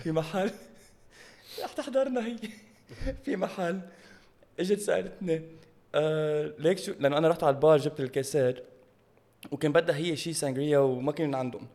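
Fast-talking Lebanese man, higher-pitched voice. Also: a little mellow. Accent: Lebanese Arabic. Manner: mixes English phrases into speech. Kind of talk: casual bantering chat with a friend.

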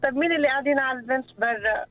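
Woman, radio caller, playful, tinny phone line, quick. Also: sits high, over music. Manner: playful, giggly questions. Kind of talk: call-in chat.

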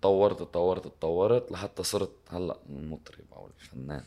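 A man's voice: low-pitched, fairly quick, mellow. A man with a Lebanese Arabic accent, answering as an interview guest in conversation and mixing in English words.

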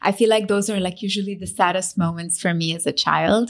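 A woman's voice: on the low side, rapid-fire, gravelly. A young woman from Lebanon, a fitness trainer and dietitian, talking casually as a podcast guest, mixing English with Arabic and sprinkling in "like" and "you know.". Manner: lively, mixes English with Arabic, many "like" and "you know" fillers.

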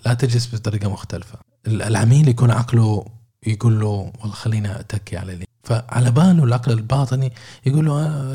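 Saudi guy running a sales lesson, low husky voice, talks quick and chatty. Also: warm tone. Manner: chatty, explains with made-up example dialogues. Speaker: sales trainer. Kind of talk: informal training talk.

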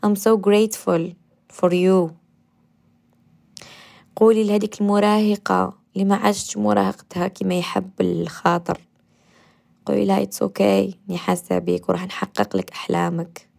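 A woman with an Algerian Arabic accent, a radio host leading a guided meditation and self-affirmation talk, gentle and coaxing. She repeats affirmations and sometimes drops to a soft whisper. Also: medium pitch, little pitch movement, normal speed, creaky, pauses often.

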